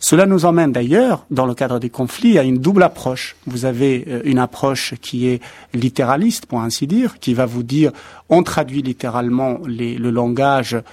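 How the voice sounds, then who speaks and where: An expert guest on translation, a man with a mid-range, darkish voice, explains carefully and academically in a studio interview. He speaks in a measured way, often hesitating and restarting phrases while searching for the right word.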